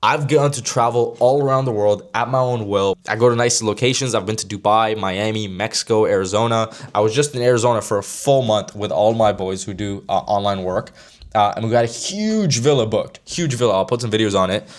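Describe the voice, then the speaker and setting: A man's voice: fairly low pitch, a little fast. A man of about twenty giving a brash motivational talk to camera as a sales mentor, casual and slangy. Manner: brash, slangy, straight-talking.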